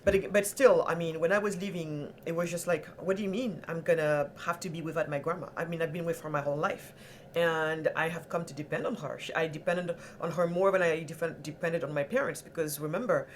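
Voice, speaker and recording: A woman from Senegal, a guest entrepreneur, telling her life story in an animated, earnest conversational way. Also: sits low, a little fast, slight background noise. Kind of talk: conversational interview.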